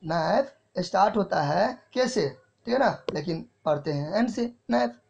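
A man teaching English in a classroom lecture, speaking English with an Indian accent, repeating key phrases slowly as if dictating and often checking if it's clear. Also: sits high, animated, a little mellow, slight background noise. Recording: dull lo-fi sound.

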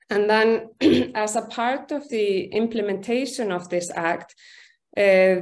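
A woman's voice: medium pitch, darkish tone. Middle-aged woman giving a research talk on a video call, lots of ums and restarts. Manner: measured, explanatory, frequent ums and repeated words. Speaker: university researcher presenting. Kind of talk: online conference presentation. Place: home or office room on video call. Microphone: video call webcam.

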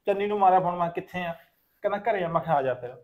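A sly village goat-keeper who brags and wheedles in a quick, high voice, played by a man. He rattles along in a comic short drama, recorded with dull lo-fi sound. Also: close to an everyday voice. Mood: boastful. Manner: quick, wheedling, boastful talk. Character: boastful, scheming village goat-keeper, fond of intoxicants.

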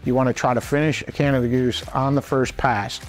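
A man's voice: medium pitch, fairly even intonation, fairly quick, faint music behind. A man in his forties gives an informal, plain-spoken instructional talk to camera, explaining things in a folksy way. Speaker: instructor and presenter. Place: small indoor wooden workshop.

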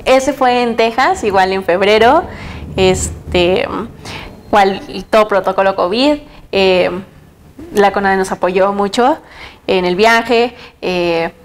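A young woman with a Mexican accent, a runner in a casual interview, telling her races in a lively way and laughing often. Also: mid-range voice, takes it slowly, a little hiss or hum. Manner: lively storytelling, quotes her own thoughts, laughs often.

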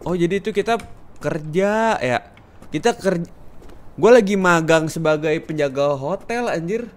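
A young man from Indonesia with a Jakarta slang accent, commenting loudly on a horror game he plays live, often shouting and swearing. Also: fairly high pitch, moderate pace. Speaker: game streamer.

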